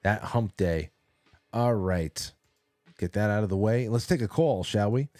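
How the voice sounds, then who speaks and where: Smooth radio host, male, lowish voice, dry close sound, easygoing call-in chat. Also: measured pace, a little mellow, no room sound, soft background music. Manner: conversational, with frequent fillers. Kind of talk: casual talk radio, reading chat and taking calls.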